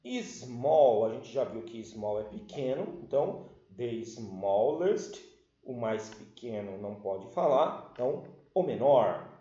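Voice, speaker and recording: A man's voice: mid-range voice, big pitch swings, slow, warm tone. A man, teaching an English grammar lesson patiently and checking that his class follows. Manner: explains patiently, checks understanding with "certo?" and "tá certo?"; addresses the class as "galera". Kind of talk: recorded online class lesson. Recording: echoey room, dull lo-fi sound.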